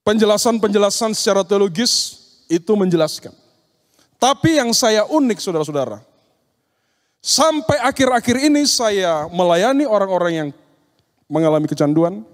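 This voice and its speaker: A man's voice: high-pitched, expressive, normal speed, long pauses. A man giving a seminar sermon, telling stories and acting out the dialogues in them. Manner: storytelling, acts out dialogues with demons and youths. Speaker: speaker at an occult seminar. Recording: long reverb of a large hall.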